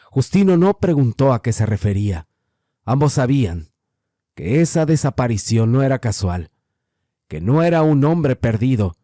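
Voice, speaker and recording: A man giving scripted horror narration in a measured, ominous way. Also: mid-range voice, mellow, no room sound, studio quality.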